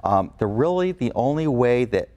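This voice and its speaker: A man's voice: mid-range voice, big pitch swings, moderate pace, a little mellow, highs cut off. A man speaking as an attorney guest in an interview, explaining things informally in plain words, repeating for emphasis.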